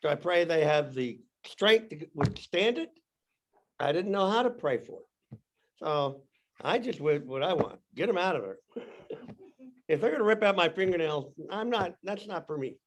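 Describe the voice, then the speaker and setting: Sunday school teacher, male, high and very lively voice, rambling and playful. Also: measured pace, slight background noise. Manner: animated, rambling, joking, with many restarts. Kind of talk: casual Bible class teaching.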